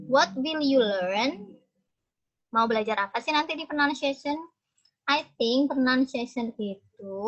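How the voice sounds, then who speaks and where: A woman's voice: fairly high pitch, a bit bright, highs cut off. A young woman lecturer with an Indonesian accent, moving between English and Indonesian as she explains terms patiently to her class. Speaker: university lecturer.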